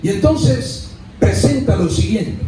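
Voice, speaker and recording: A male pastor, preaching a sermon in a deliberate storytelling manner. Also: high-pitched, very animated, background noise. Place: church. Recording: echoey church hall, distant mic.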